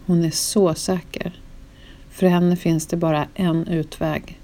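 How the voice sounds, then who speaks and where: A woman slowly reading a first-person memoir in a solemn, grief-laden narration. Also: lowish voice, level tone, mellow.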